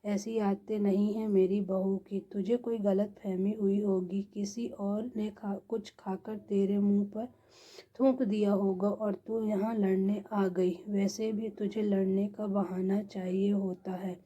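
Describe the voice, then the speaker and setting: A nagging old mother-in-law in a storybook tale, as a woman narrator puts her on, prying and scolding in turns. Her voice is dark and breathy and moves slowly with little rise and fall. The recording sounds dull and lo-fi. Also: mid-range voice, level tone. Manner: chiding, questioning.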